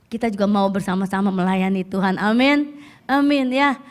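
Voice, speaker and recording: A woman pastor preaching a lively sermon with a hoarse voice, often calling out questions to the congregation. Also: mid-range voice, moderate pace.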